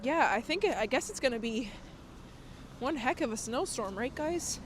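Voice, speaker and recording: An IRL streamer out on city streets at night reads viewer comments aloud, chatty and laughing often. Still getting over a cold, she sounds a bit nasal; her voice is on the high side with lively intonation, a moderate pace, and a little hiss or hum in the audio.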